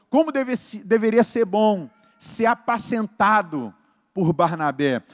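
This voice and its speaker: A man preaching as pastor, telling stories with animated energy. His voice sits high for a man, and a long hall reverb follows each phrase. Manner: animated storyteller. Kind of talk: sermon.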